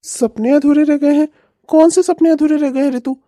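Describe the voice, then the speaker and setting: A woman's voice: high voice, fairly even intonation, moderate pace, mellow, no echo, studio quality, natural voice. A woman voicing an eager, loving young man in a cartoon, talking earnestly and pleading. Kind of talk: cartoon voice acting.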